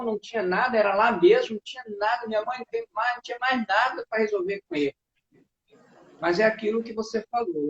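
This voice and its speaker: A man earnestly telling his personal testimony as a guest, often adding "né". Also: high-pitched. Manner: earnest, full of fillers like "né". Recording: echoey, dull-sounding room.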